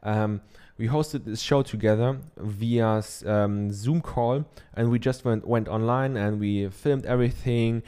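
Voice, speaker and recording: A podcaster from Germany with a German accent gives a chatty, casual how-to talk into a dynamic studio microphone in his treated home office. His voice is fairly low, mellow, and smooth, unhurried with few pauses, and he leans on ums and tag questions.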